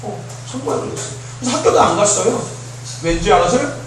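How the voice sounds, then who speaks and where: A man's voice: high voice, lively intonation, fast, a little hiss or hum. A man preaching a sermon in a church, emphatic and often asking the congregation questions. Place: church sanctuary. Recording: very echoey hall, distant mic.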